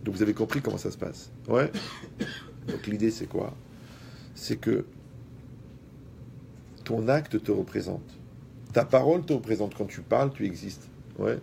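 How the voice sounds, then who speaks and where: A man giving a lively talk to an audience. He speaks colloquially, addresses the listeners directly and uses everyday examples. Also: on the low side, measured pace, vocal fry, pauses often, slight background noise.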